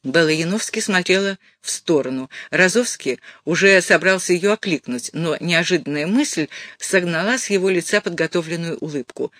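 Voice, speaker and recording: A man narrating a detective novel aloud in a steady storytelling manner. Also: high voice, normal speed, few pauses, dry recording, clean studio sound. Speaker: audiobook narrator. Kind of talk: scripted narration.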